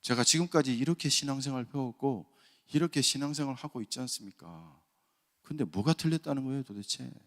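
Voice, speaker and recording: A man's voice: medium pitch, lively intonation, brisk. A middle-aged man, a church elder, preaching a dawn service sermon and telling his own testimony with rhetorical questions and self-deprecating humor. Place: church sanctuary. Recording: long reverb of a church hall.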